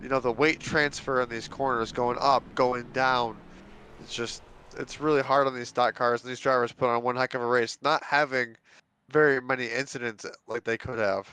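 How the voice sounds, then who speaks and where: A man commentating a sim racing broadcast in a relaxed, folksy way and interviewing drivers. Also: mid-range voice, moderate pace, clean tone, dry recording. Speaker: race commentator.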